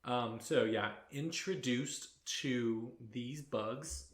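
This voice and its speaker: A man co-hosting a podcast, talking in a loose, rambling way full of fillers. His voice sits at a middling pitch. It is recorded in a room with noticeable echo. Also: very slow. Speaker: podcast co-host. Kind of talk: casual chat. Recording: echoey room.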